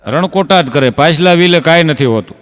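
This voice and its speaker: Comedian guy on a live stage, highish voice, long hall echo, drags out punchlines. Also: lively intonation. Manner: storytelling with drawn-out punchlines and "હા?" asides to the crowd. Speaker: stand-up comedian. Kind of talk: Gujarati folk stand-up jokes for a live audience.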